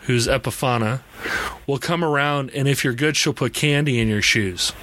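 A man co-hosting a podcast talks in a loose, joking way. His voice sits at an ordinary middle pitch. He teases his partner with crude, playful insults. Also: moderate pace, noisy background. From raised in Italy. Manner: teasing, profane, joking. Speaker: podcast co-host. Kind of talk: casual banter and reading a guest introduction.

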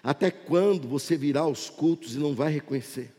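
Man, pastor, high voice, sermon, long church reverb. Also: a little fast. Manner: swings from loud emphasis to low near-spoken asides, repeats rhetorical questions.

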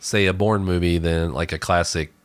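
A man co-hosting a podcast, talking through a film review in a casual, halting way as he searches for words. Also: low-pitched, steady tone, smooth, no room sound. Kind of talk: casual conversation.

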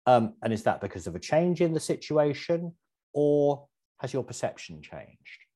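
Male podcast host, animated pitch, husky tone, scripted intro then questions. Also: moderate pace. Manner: lively, articulate questioning.

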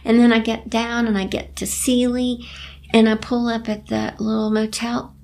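A woman telling her story in a casual interview, animated and laughing often. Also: moderate pace, creaky. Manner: animated, laughs often, acts out quotes in a high voice. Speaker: guest.

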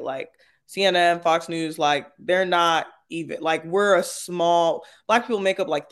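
A man with a fairly high-pitched voice talks as a guest in a panel discussion. He is opinionated and articulate, making points emphatically in casual speech sprinkled with "like" and "right?".

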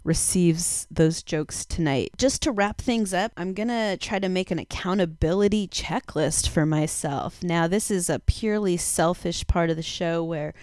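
Woman, forties, podcast host; frank and confessional storyteller, low-ish smooth voice, dry close sound. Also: unhurried, few pauses, a little mellow, no echo. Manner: confessional and frank, casual swearing. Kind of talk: candid personal storytelling.

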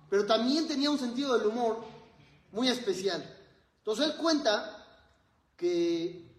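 A man's voice: very high voice, fairly bright tone, echoey room, rough recording. A man, a rabbi, giving a sermon and telling stories with acted-out dialogue. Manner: storytelling, acts out dialogue in quotes.

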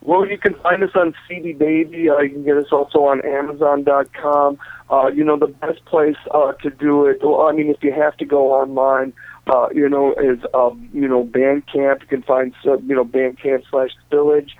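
A man's voice: on the high side, level tone, moderate pace, no echo. A man being interviewed on the radio about his band, rambling with lots of "you know" and "uh". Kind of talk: casual radio interview chat. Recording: dry, tinny phone-like line.

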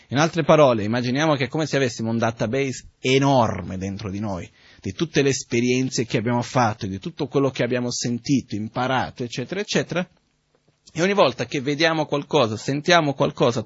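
A man gives a relaxed Buddhist teaching, pausing often to check that his listeners are following along. His voice is husky and mid-pitched. The recording is dry and a little dull. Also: no room sound. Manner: conversational, checks in with the audience often. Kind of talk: spoken dharma teaching.

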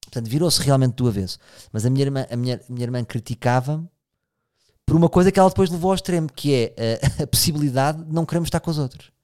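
In his thirties and speaking with a European Portuguese accent, this podcast host muses aloud in a casual monologue, frequently restarting and talking directly to his audience. His voice is mid-range, fast, and slightly mellow.

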